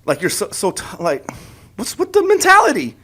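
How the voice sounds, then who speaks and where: A man's voice: high voice, huge pitch swings, normal speed, pushed and bright, slightly rough. A man ranting in a political opinion vlog, heated and sarcastic, stumbling over and repeating his words as he mocks the people he disagrees with. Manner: heated and sarcastic, mocking voices of opponents; repeats words and restarts often. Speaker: political vlogger.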